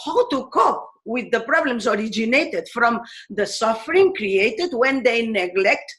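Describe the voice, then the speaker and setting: A woman teacher from Spain, explaining her ideas in English earnestly, pausing often and searching for words. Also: fairly high pitch, expressive, fairly bright tone. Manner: earnest and searching, with frequent pauses and fillers. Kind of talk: explanatory talk in a video series.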